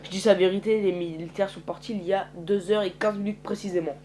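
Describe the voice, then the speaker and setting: A man's voice: high-pitched, steady tone, fast talker, a little mellow, a little hiss or hum. Casual French storyteller man. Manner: acts out every character in turn. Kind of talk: casual homemade story narration.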